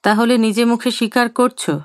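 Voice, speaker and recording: A woman voicing a sharp-tongued older wife who scolds in an indignant way in an audio story. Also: fairly high pitch, steady tone, moderate pace, no echo, studio quality, lightly acted. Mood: angry.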